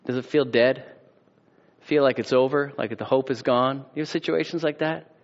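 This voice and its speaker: A man's voice: medium pitch, moderate pace, muffled recording. A man preaching a sermon as a pastor, casual and conversational, with rhetorical questions and a closing prayer.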